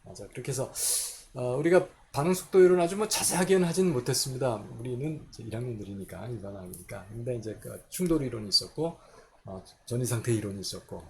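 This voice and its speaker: A man's voice: mid-range voice, fast talker, vocal fry, a crowd in the background. A man giving a recorded chemistry lecture, working through equations step by step and asking and answering his own questions.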